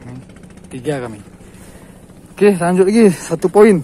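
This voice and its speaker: A man with a slightly high voice narrates his fishing session outdoors. He calls out and repeats short words each time a fish bites. A light hiss of outdoor ambience and passing vehicles sits under his voice. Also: expressive, measured pace, warm tone. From Aceh, Indonesia. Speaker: fishing vlogger. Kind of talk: excited live fishing commentary. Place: outdoors by the water.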